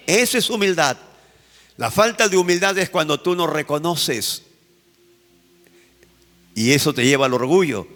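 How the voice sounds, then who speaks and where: A man's voice: fairly high pitch, vocal fry, a bit bright, in a large hall. A male pastor preaching a sermon, emphatic, repeating phrases and asking the congregation to repeat after him.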